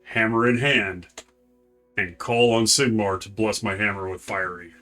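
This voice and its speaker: A man's voice: lowish voice, steady tone, unhurried, bright, forceful tone, faint music behind. A man talking casually as a player in a tabletop game, stating what his character does.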